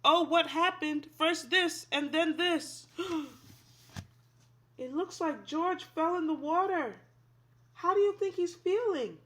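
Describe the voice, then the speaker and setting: With a very high voice, a woman teacher reads a children's picture book aloud slowly and expressively, pausing often. She teaches as she goes, asking young listeners simple questions, and her tone is a bit bright.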